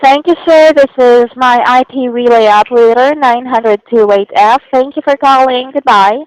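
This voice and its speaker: A woman as a smooth-voiced, polite relay operator. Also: on the high side, moderate pace, dry recording, poor audio. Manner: polite, formulaic phrasing. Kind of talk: reading typed relay messages aloud.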